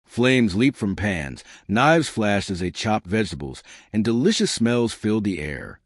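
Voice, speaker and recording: A man narrates a scripted story at a slightly slow pace, raising his voice for the characters' lines. His storytelling is lively, with pitch shifts for quoted characters, and the studio recording is clean with no echo.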